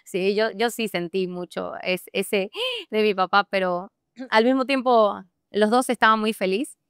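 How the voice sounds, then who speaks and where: A young Bolivian woman with a Santa Cruz accent, a podcast guest telling a personal story in an animated way and laughing often. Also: medium pitch, measured pace, smooth, no room sound, studio quality. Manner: animated, laughs often, acts out her own past thoughts. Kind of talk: personal storytelling in a casual interview.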